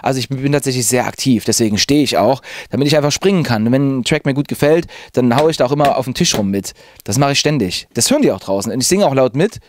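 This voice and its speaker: There's a little hiss or hum behind this fast-talking, medium-pitched man. A radio presenter in his thirties from Zwickau, Saxony, he chats enthusiastically into a handheld reporter mic in a studio, recounting a casual personal story to camera in a lively way.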